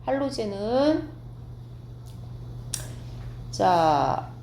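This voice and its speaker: Woman teacher lecturing, steady mid pitch, checks understanding often, roomy classroom, faint hum. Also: creaky. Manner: explains step by step, asks students quick check questions. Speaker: science teacher.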